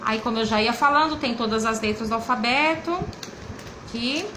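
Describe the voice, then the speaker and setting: A woman's voice: a little high, normal speed, roomy sound, noisy background. A woman literacy teacher with a Brazilian Portuguese accent, explaining classroom activities step by step. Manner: explains step by step, sometimes acting out prompts to a child. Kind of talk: instructional explanation.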